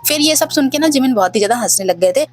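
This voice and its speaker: A woman's voice: high-pitched, expressive, racing, faint music behind. A woman casually retelling a video clip in a gossipy, exclamatory way. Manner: gossipy and exclamatory, often says "yaar" and "seriously". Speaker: video explainer narrating a clip.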